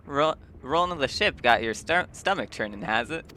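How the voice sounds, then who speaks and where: A man voicing a talkative old male ship merchant, gruff and rambling. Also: mid-range voice, lively intonation, normal speed, pushed and bright, a little hiss or hum, pitched above the performer's own voice. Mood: chatty. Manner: gruff and rambling, drops dialect words.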